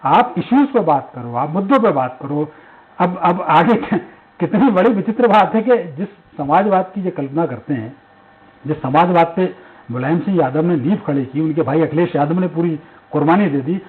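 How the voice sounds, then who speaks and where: Male debate panelist, high voice, emphatic, tinny remote audio. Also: normal speed. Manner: emphatic, rhetorical questions. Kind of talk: televised debate argument. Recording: tinny phone-line audio.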